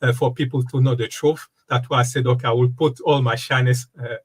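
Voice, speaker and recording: A man in his fifties, originally from the Democratic Republic of Congo, is a guest in a relaxed interview, where he works as a wellness coach and speaker. His middle-pitched, slightly rough voice comes out haltingly, full of fillers and restarts.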